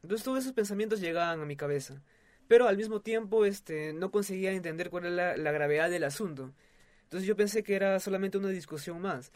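A young man tells his story in an interview. He speaks in a somewhat high voice, hesitant and full of fillers and restarts. The recording is dry and close. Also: fast, no echo. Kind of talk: testimony in a casual interview.

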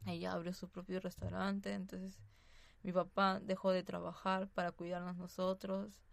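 A woman's voice: fairly low pitch, level tone, normal speed, gravelly, dry recording. A woman giving a hesitant personal testimony as a radio guest, tagging her sentences with "así, ¿no?". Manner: soft-spoken, hesitant storytelling.

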